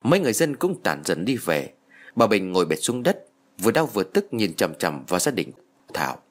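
Husky, expressive man storyteller. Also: lowish voice, a little fast. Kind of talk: scripted horror story narration.

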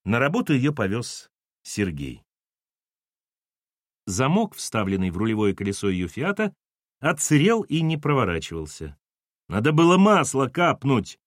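A man narrating a novel in an expressive, animated reading. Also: lowish voice, normal speed, long pauses, dry recording, studio quality. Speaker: audiobook narrator. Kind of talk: scripted narration.

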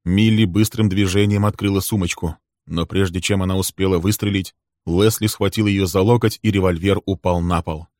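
Male narrator, audiobook, deep voice, even delivery, dry recording. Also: moderate pace, no echo.

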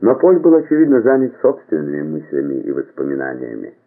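A man reading a novel aloud as an audiobook narrator, in a measured, expressive way. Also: extremely low pitch. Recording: tinny phone-like band.

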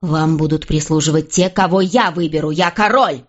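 A woman reading an audiobook, voicing a proud, stubborn middle-aged king who speaks pompously in a lower, firm voice. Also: normal speed, lo-fi sound. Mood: commanding.

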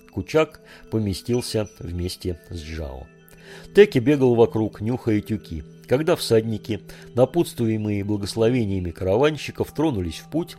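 Low mellow male audiobook narrator. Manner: measured storytelling.

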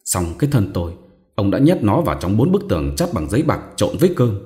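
A man voicing a sharp-tongued, defiant young wife who speaks with mocking scorn in a storybook reading. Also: lowish voice, sing-song, fast talker. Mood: scornful.

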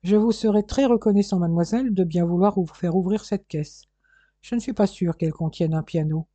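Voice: medium pitch, fairly quick, dark tone, dry recording, voice pushed up, natural voice. A reader voicing a persistent male police inspector, insistent and coolly formal in an audiobook. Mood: polite. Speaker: detective questioning a household.

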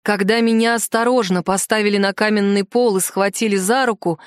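A woman reading a first-person fantasy novel aloud in a lively, expressive way. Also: medium pitch, fairly quick, no echo, clean studio sound. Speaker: audiobook narrator.

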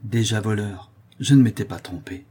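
A stern aristocratic father, voiced by a man reading a storybook, cold and commanding, hurling accusations in a raised, forceful voice. The tone stays low-toned and husky underneath. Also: moderate pace.

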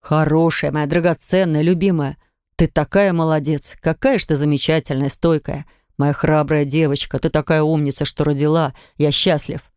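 A woman reading an audiobook, voicing a devoted man who speaks softly and affectionately to the mother of his newborn. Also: deep voice, steady tone, moderate pace, clear, resonant tone, no room sound, studio quality, natural voice. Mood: soothing. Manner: soft, soothing, affectionate. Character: tender man in his thirties, devoted new father.

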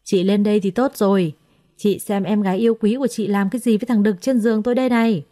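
A woman's voice: mid-range voice, fairly even intonation, quick pace, dark tone, no room sound, clean studio sound, close to an everyday voice. A woman voicing a stern, scolding young master. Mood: angry. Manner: curt, scolding commands. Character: stern young master, quick-tempered man.

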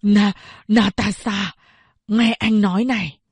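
A man's voice: high-pitched, fairly even intonation, takes it slowly, breathy edge, no room sound, heavily acted. A woman voicing a young man haunted by visions of his lost love, who stammers and calls out again and again. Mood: pleading. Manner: stammering, breathless repeated calls.

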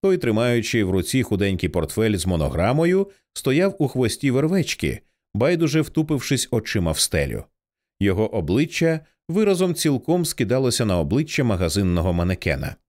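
Audiobook narrator: male, lowish voice, animated, measured delivery. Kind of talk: scripted narration.

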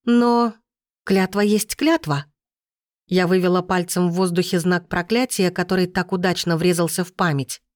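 A woman's voice: on the low side, a little mellow, no echo, studio quality. A woman narrating a first-person fantasy audiobook in an urgent, emotional way.

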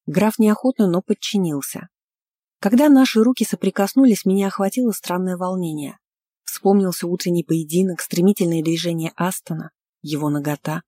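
A woman's voice: lowish voice, normal speed, mellow, dry recording, clean studio sound. Woman reading a first-person audiobook. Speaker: audiobook reader.

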